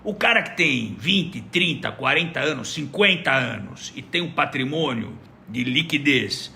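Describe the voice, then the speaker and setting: A man's voice: mid-range voice, lively intonation, unhurried, gravelly, pushed and bright, a little hiss or hum. A man co-hosting a podcast, talking emphatically in casual chat. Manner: emphatic, talks in lists. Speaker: podcast co-host.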